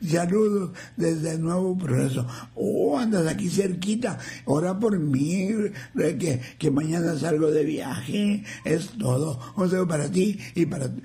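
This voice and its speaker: Older radio host, slow and gravelly. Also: male voice, on the high side, expressive, dark tone. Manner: folksy, joking, slow and drawn out. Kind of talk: reading listener messages on live radio.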